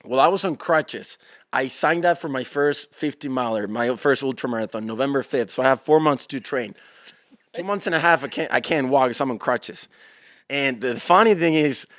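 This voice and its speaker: Slangy, animated man telling stories. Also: mid-range voice, a little fast, no room sound, clean studio sound. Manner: animated, slangy, calls listeners bro and dude. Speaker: podcast guest, endurance athlete. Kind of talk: casual storytelling chat.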